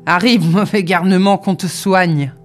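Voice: medium pitch, a little slow, faint music behind, pitched below the performer's own voice, close to an everyday voice. A reader voicing a bad-tempered elder sister who scolds sharply and sourly, in an audiobook. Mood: furious. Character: shrill, furious, bullying older sister.

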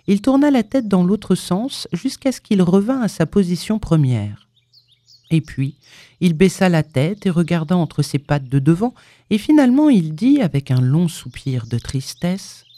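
A woman reading a children's storybook aloud as narrator, with slow, lilting storytelling. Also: lowish voice, dark tone, no echo.

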